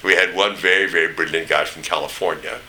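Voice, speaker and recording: An American man from East Tennessee, in his 70s or older, recounts memories in an oral history interview, telling loose anecdotes and pausing to search for names. He has a standard accent and a low, very bright, forceful voice with fairly even intonation, and a faint hiss sits behind him.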